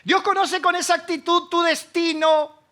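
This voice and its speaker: High, bright Argentine preacher man. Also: flat delivery, a little slow. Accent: Argentine Spanish. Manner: humorous, swings between loud preaching and quiet asides. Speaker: pastor. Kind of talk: sermon.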